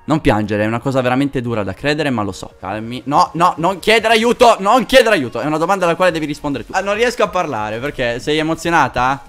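A man's voice: on the high side, animated, fast, few pauses, fairly bright tone, faint music behind. A young Italian man chatting with fans on webcam in a playful, teasing way. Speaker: YouTuber. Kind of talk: joking webcam chat with fans.

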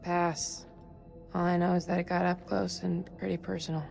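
A very gravelly, low-voiced female scientist, hurt and worn down. She speaks with weary, biting sarcasm in a horror video game, with music behind her. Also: flat delivery, moderate pace, a little mellow. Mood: wearily sarcastic. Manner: sardonic, weary. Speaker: video game character actor. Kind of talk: cinematic horror game acting.

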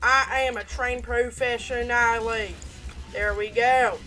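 A woman's voice: a little high, steady tone, takes it slowly, sharp tone, faint music behind. A woman putting on a boastful, folksy frontier deputy who drawls and keeps saying sir, during video game commentary. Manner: drawling, says sir a lot.

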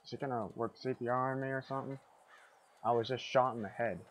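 A man's voice: medium pitch, steady tone, quick pace, a bit bright, a little hiss or hum. Rambling man giving gameplay commentary. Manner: rambling, confused asides to himself. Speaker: gamer.

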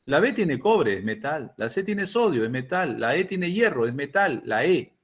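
A man's voice: a little high, very animated, normal speed. An older man with a Peruvian Spanish accent teaching a chemistry class, asking students questions and answering them himself. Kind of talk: classroom lecture.

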